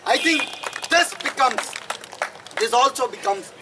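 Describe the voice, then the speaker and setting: Through a PA and a handheld microphone, a young student activist with an Indian accent delivers a fiery protest speech, stressing his points and repeating phrases for effect. His very high voice sounds animated yet a little slow, with background noise around him.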